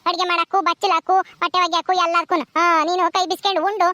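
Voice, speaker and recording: A woman's voice: very high-pitched, flat delivery, fast talker, pushed and bright, no room sound. A woman playing an ailing, bossy village wife in a comedy skit, with a rural Karnataka Kannada accent and a nagging, scolding manner.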